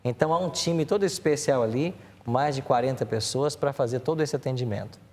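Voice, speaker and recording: A man from Minas Gerais, a pastor and Bible school director, talking relaxed as a studio guest. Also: medium pitch, fairly quick. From Minas Gerais, Brazil. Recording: studio with long reverb.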